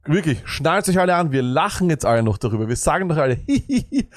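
A man's voice: fairly high pitch, expressive, fast, dry recording, clean studio sound. A man co-hosting a fantasy football podcast, ranting and sarcastic, jumping between thoughts. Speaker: podcast co-host. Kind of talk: casual fantasy football chat.

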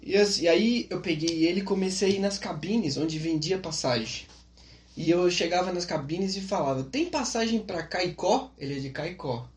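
Man telling lively anecdotes on a podcast. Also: a little high, moderate pace, reverberant. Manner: animated, acts out quotes. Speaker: guest. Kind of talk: casual storytelling on a podcast.

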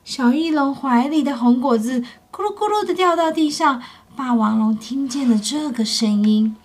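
A woman with a fairly high voice reads a picture book aloud to children. She tells the story expressively and stops now and then to ask her listeners questions. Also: expressive, normal speed, darkish tone.

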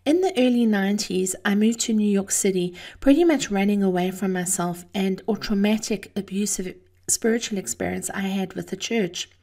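A middle-aged woman with a South African accent delivers a scripted motivational monologue in an earnest, deliberate, personal storytelling manner. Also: medium pitch, mellow. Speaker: host of an encouragement podcast.

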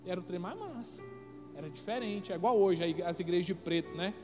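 A man's voice: sits high, a little fast. A man preaching emphatically to a youth congregation as pastor. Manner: emphatic, addresses the congregation directly. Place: church sanctuary. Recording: reverberant church hall with music behind.

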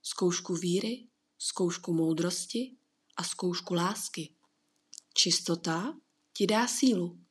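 A woman's voice: lowish voice, husky. A woman playing Gabriela, a soothing being of light. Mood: gentle. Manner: slow, soothing, patient.

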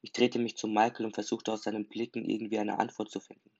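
A man narrates a first-person story in a low, gravelly voice. His delivery is emphatic. The recording sounds dull and lo-fi. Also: completely flat delivery, fast talker, darkish tone.

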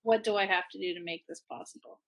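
A woman's voice: fairly low pitch, steady tone, fast talker. A woman speaking as a podcast guest in a candid, casual way, often voicing her own thoughts as dialogue. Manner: candid, conversational, talks in imagined self-dialogue.

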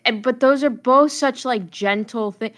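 A woman's voice: a little high, unhurried. A young woman co-hosting a podcast, asking questions and reacting in casual chat. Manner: reactive, asks questions, easy laughs. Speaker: podcast co-host listening and reacting.

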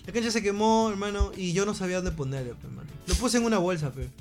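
A man's voice: high-pitched, quick pace, over loud music. A man, telling a funny anecdote in slangy, laughing casual chat. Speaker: co-host.

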